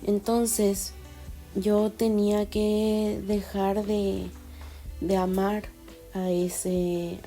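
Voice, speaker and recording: Casting note: a woman, mellow, warm voice, confiding vlog storytelling, faint music underneath. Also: mid-range voice, level tone, extremely slow. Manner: confiding, rambling with many fillers and restarts. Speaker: vlogger. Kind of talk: casual personal storytelling.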